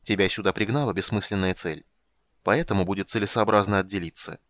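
A man's voice: deep voice, fast, a bit bright, no echo, studio quality. Cold, commanding sorceress, read by a man. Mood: cold reproach. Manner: curt, commanding. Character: sharp, cold female sorceress.

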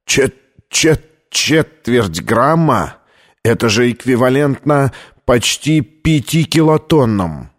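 A man's voice: fairly low pitch, measured pace, natural voice. A man voicing a stern, ailing male lab director who speaks in a tense, clipped way in an audiobook.

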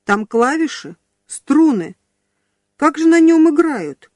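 A woman's voice: on the high side, lively intonation, unhurried, dry recording. A woman doing a nosy young policeman. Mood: curious. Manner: polite, inquisitive questioning. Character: curious young male riot policeman, politely pestering.

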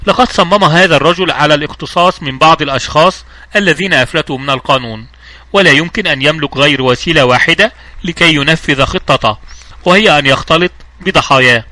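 A man reading the part of a calm, authoritative elderly judge, speaking in measured, clear words. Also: fairly high pitch, no echo. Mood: commanding. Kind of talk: audiobook reading.

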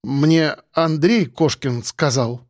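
A man's voice: a little high, animated, no room sound. Scared middle-aged woman boss, hesitant, voiced by a male reader, dry read. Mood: frightened. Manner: faltering, slow and timid.

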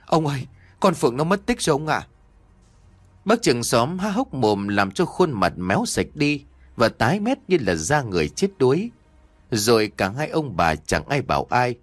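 A man's voice: mid-range voice, no echo, clean studio sound. A man narrating a scripted horror story in a dramatic, ominous storytelling manner.

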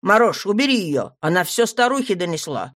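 A woman's voice: mid-range voice, sing-song, fairly quick, a bit bright. A woman voicing a sulky young male healer who snaps and grumbles.

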